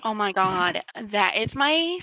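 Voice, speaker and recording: Woman playing a slacker juror, lowered drawl, casual, improv comedy. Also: lively intonation, slow, sharp tone, no echo, full character voice. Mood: lazy. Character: slacker juror at a slumber party.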